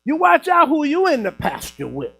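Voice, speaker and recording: A woman's voice: high-pitched, wildly swooping pitch, normal speed, gravelly, fairly bright tone, pitched above the performer's own voice, full character voice. A man voicing a stern old Southern grandmother who speaks a little slurred and gives folksy warnings. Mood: scolding. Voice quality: slightly slurred from snuff.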